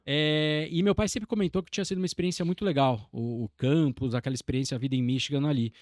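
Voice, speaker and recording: Brazilian guy in his 40s, kinda high voice, chatty and meandering, super dry close sound. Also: quick pace, darkish tone, dry recording. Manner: reflective, meandering storytelling with many restarts. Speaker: podcast guest. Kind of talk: casual interview conversation.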